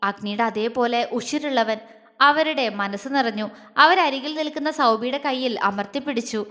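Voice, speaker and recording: High-voiced woman reading a romance story. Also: normal speed. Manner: steady, even storybook reading. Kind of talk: scripted romance story narration. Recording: long reverb.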